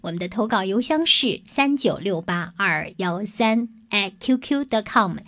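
A woman's voice: mid-range voice, expressive, unhurried, a bit bright, no echo. A woman hosting a children's program, reading aloud expressively from a script like a storyteller. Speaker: host of a children's bedtime essay-reading show. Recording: music behind the voice. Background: music.

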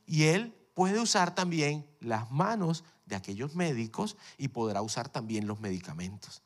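A man preaching a sermon as pastor, swinging from loud emphatic peaks to low quiet asides. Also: sing-song, normal speed. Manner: acts out quoted voices in his sermon.

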